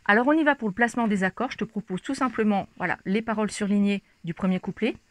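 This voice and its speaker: Speaking fast in a mid-range voice, a woman gives a ukulele lesson, walking through chords one step at a time. She talks to the viewer in a casual, informal way while a ukulele plays in the background.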